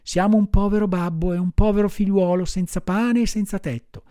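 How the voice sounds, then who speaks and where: Storybook puppet boy, read by a man: raised pitch, earnest, lively, dark-toned. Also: fairly quick, dry recording, clean studio sound, natural voice. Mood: eager.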